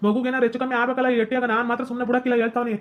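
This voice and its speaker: A woman's voice: fairly high pitch, completely flat delivery, rapid-fire, muffled recording, slight background noise, pitched below the performer's own voice, lightly acted. A woman voicing a quarrelsome young husband who complains in a North Karnataka Kannada accent. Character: young husband Shankar, hotheaded son.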